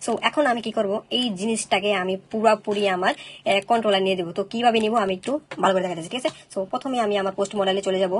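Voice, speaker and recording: A woman teaching a coding tutorial, talking fast and checking in with listeners after each step. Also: mid-range voice, steady tone, husky. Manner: rapid, keeps checking in with "okay?". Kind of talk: screen-recorded coding tutorial.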